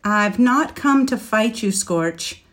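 A woman's voice: lively intonation, takes it slowly, fairly bright tone, slight background noise. A woman reading the part of a young male knight, speaking earnestly and persuasively in a raised voice. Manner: earnest, pleading, raised pitch. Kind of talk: storybook reading.

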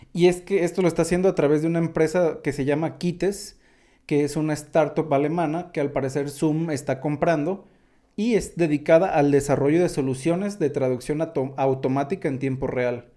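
A man's voice: a little high, mellow. Chatty Mexican man on tech news. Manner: chatty, digressive, many fillers like "o sea". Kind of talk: casual tech news commentary.

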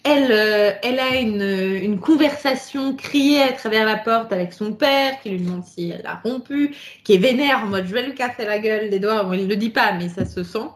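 A woman co-hosting a casual podcast, chatting in a lively way and laughing often between her points. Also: fairly high pitch, normal speed, hardly any pauses. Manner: lively, laughs often, many fillers and asides. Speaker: podcast co-host. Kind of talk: casual chat about a book chapter.

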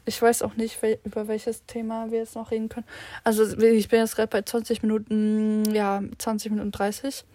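A teenage girl chatting on her own in a loose, rambling way, full of slang and English words. Her voice sits a little high and sounds mellow and soft-edged. The sound is dry and close, with no room echo. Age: teens. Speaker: vlogger. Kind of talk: casual rambling monologue.

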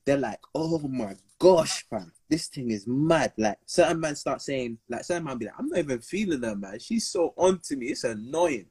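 A man's voice: medium pitch, lively intonation, normal speed, hardly any pauses, a little mellow, husky. A young man with a London roadman accent telling stories casually in slang, repeating himself and acting out quotes. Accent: London urban slang (roadman). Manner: slangy, repetitive, acts out quotes. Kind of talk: casual storytelling banter.

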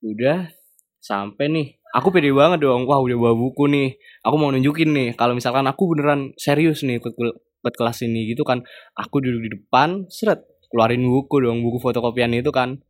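A man's voice: fairly quick, dry recording. Young guy chatting through a story about class, laid back, dry close mic. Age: young adult. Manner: relaxed, chatty, drops to low muttered asides. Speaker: university student. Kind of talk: casual storytelling.

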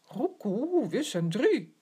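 A woman doing a loud cooing pigeon. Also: fairly high pitch, sing-song, slow, breathy edge, pitched above the performer's own voice, exaggerated voice. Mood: chirpy.

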